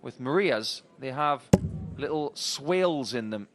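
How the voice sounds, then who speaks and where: A man's voice: medium pitch, expressive, unhurried, background noise. A man giving chatty live commentary on a darts match. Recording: loud crowd behind commentary. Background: darts crowd.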